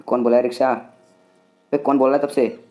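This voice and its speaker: A man with an Indian accent giving excitable, chatty commentary while playing a driving game, talking to the game and to viewers. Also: mid-range voice, normal speed. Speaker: gaming channel host.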